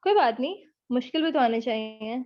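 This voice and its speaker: A woman's voice: on the high side, expressive, fairly quick, lo-fi sound. A woman with a Pakistani accent teaching a spoken English class online, chatty, teasing and encouraging, mixing English into her Urdu. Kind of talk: live online class lecture with Q&A.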